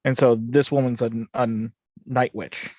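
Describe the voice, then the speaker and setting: A man's voice: medium pitch, flat delivery, a little slow, darkish tone, no echo. Chatty man explaining lore. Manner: explains lore with frequent fillers and restarts. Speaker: podcast co-host. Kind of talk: casual watch-along chat.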